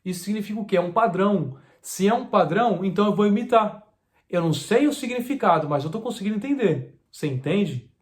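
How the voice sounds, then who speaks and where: A man's voice: high-pitched, lively intonation, fast. A man, a language teacher talking casually and enthusiastically to camera, often asking the viewer questions. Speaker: language teacher and video creator.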